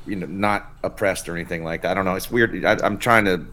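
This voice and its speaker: A man hosting a podcast, talking in a relaxed and casual way, swearing and calling his guest "man". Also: low voice, quick pace, a little hiss or hum. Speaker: podcast host. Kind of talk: casual conversation.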